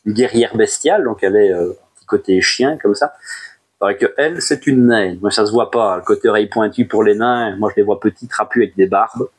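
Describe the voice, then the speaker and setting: A man talking casually to camera as he reviews his monthly manga purchases, chatty and animated, with playful asides. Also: a little fast, husky. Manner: chatty and animated, jumps up in pitch on new titles, playful asides. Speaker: manga collection YouTuber.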